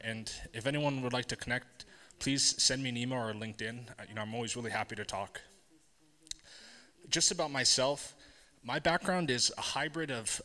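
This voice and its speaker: A man giving a live conference talk, earnest and halting, with many fillers and restarts. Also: medium pitch, pushed and bright. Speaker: conference speaker. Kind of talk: live presentation to an audience. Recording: hall reverb.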